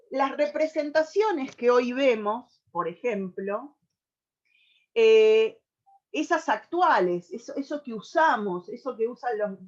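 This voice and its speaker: An Argentine woman presenting on a radio program, explaining at length and pausing often on fillers as she gathers her thoughts. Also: fairly high pitch, dull audio. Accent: Argentine Spanish. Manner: thoughtful, with many hesitations and restarts.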